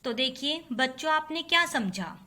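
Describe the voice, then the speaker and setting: A woman's voice: high voice, animated, moderate pace, pushed and bright. A woman teacher giving a recorded lesson, patiently explaining to children and repeating examples. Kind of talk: recorded online class lesson.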